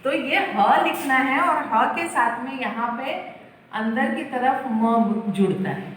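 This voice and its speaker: In a Hindi grammar lesson, a woman teacher patiently explains, step by step, how to write and pronounce letters. Her high voice is slow and a bit bright, recorded far from the mic in an echoey room with a little hiss or hum.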